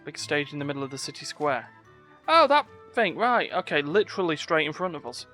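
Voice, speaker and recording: Over game music, a man streams a game with casual commentary full of muttered asides and wry exclamations. His voice is a little high and a bit bright, and he talks fast.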